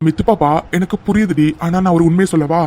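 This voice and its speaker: A man voicing a doting young man in a cartoon love story, teasing and then gently comforting his crying sweetheart. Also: sits high, quick pace, a little hiss or hum, lightly acted. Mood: coaxing. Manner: coaxing, affectionate and teasing. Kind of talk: cartoon voice acting.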